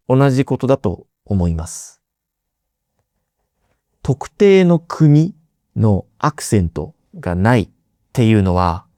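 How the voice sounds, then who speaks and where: A man hosting a teaching podcast, speaking slowly and carefully enunciating, often repeating key words for learners. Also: medium pitch, mellow, clean tone, no echo, clean studio sound. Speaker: Japanese teacher and podcast host.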